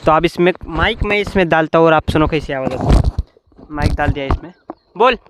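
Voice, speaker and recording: High-voiced man shouting outdoor instructions. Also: fairly quick. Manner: calls out loud instructions to a helper far off. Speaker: vlogger testing a homemade cup phone. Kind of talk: casual outdoor demo vlog. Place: outdoors in a rural open field. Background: faint background noise.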